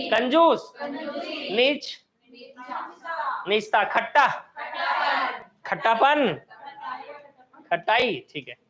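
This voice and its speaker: A man teaching an online exam-prep class, calling out words one by one, asking students for answers and then correcting them. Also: very high-pitched. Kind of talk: online coaching class, quizzing students on word forms.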